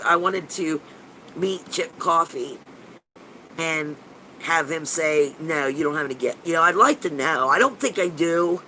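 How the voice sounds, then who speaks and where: In poor audio with a faint hiss, a paranormal investigator in his fifties hosts a casual livestream chat and responds to viewers. His somewhat high, bright, forward voice is stuffy and nasal. He gushes and rambles, restarting sentences often and swearing casually.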